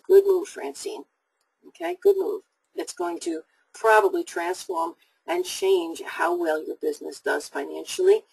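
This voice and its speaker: A woman hosts a live psychic call-in show, her voice gravelly with a husky edge. She talks in an upbeat, reassuring way, her pitch rising and falling a lot as she answers callers. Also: a little mellow, poor audio. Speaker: psychic host of a live webinar.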